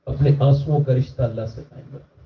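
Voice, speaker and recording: A man giving an impassioned religious speech to a large gathering, his voice climbing to strained high shouts. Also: fairly even intonation. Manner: rises to high, strained shouting during retold dialogue. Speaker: preacher. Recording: distant, roomy, dull lo-fi sound.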